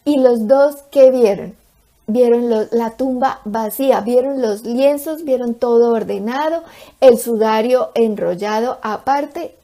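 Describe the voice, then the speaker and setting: A woman's voice: a little high, dark tone. A woman giving a devotional Bible teaching, reading scripture aloud and then retelling it in a storytelling way with small asides.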